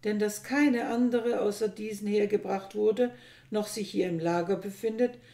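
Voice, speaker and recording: A woman reading the part of a composed king who answers in calm, formal speech. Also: medium pitch, moderate pace, lightly acted. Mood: measured. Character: composed male king, measured and dignified. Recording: echoey room.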